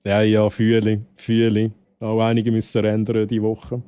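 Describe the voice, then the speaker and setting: This man from Switzerland streams games and talks casually to his viewers with a Swiss German accent, rambling, repeating himself and mixing in some English words. His voice sits on the low side and is monotone and mellow, with a clean tone and a moderate pace.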